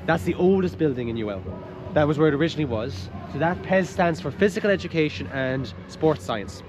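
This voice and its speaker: An animated young man with a voice on the high side leads a campus walking tour as a student guide, talking fairly quickly in a chatty, loosely phrased, enthusiastic manner. Background music joins clear traffic noise and urban ambience in this noisy outdoor recording.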